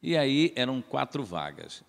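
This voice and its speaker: Casting note: gravelly radio announcer, podcast guest, chatty storyteller, reverberant room. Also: male voice, medium pitch, unhurried. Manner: rambling, animated storytelling. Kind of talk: casual storytelling.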